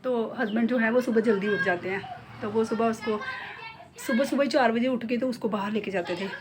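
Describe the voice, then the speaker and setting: A woman's voice: a little high, a little fast. A middle-aged woman with a Jammu accent, a beauty salon owner chatting casually and heartfelt in her vlog. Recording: noisy background.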